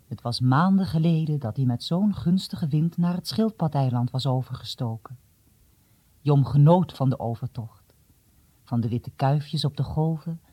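A man narrates a storybook calmly and steadily. His voice is mellow and a little husky. It is recorded close and dry, with no room around it. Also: on the high side, no echo. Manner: calm, measured storytelling. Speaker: audiobook narrator.

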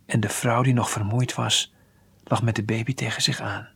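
A man's voice: medium pitch, steady tone, moderate pace, vocal fry, slightly rough. Man reading a children's story aloud.

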